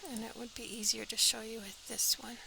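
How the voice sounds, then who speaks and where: A woman's voice: fairly high pitch, little pitch movement, a little fast, vocal fry, noisy background. A woman teaching a step-by-step sewing pattern drafting tutorial, practical and talking as she works, often dropping to an airy half-whisper.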